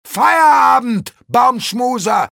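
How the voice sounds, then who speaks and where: A man's voice: extremely high pitch, lively intonation, slow, gravelly, bright, forceful tone, dry recording, clean studio sound, heavily acted. A man playing a clownish, boastful fantasy warrior in a comic video game, with theatrical bragging. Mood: blustering.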